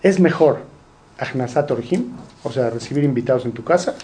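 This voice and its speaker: A man's voice: medium pitch, normal speed, dark tone. A man teaching a Torah study group, asking questions and translating Hebrew quotes. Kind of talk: informal study-group lesson.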